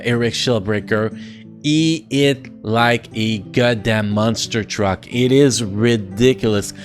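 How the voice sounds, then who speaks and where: Man, French accent, game review commentary, mid-pitched, excitable, faint guitar music behind. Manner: excitable, sound effects and restarts. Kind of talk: casual gameplay commentary.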